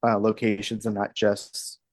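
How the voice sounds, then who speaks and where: Relaxed hesitant woman in her thirties. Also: very deep voice, a little slow, dry recording. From Texas. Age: 30s. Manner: relaxed, hesitant, with fillers and laughs. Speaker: podcast co-host. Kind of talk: casual chat.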